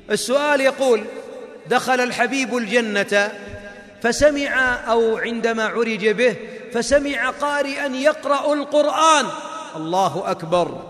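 A man's voice: very high-pitched, fairly bright tone. A man preaching to young students, chanting verses melodically and quizzing the audience. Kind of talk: sermon with quiz for students. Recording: long hall reverb.

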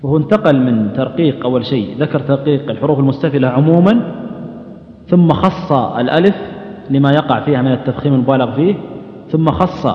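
A man's voice: medium pitch, racing. Echoey male Quran recitation teacher. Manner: explanatory, demonstrates words repeatedly, asks rhetorical questions. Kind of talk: explaining Quranic pronunciation rules, with sung demonstrations. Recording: echoey, dull lo-fi hall recording.

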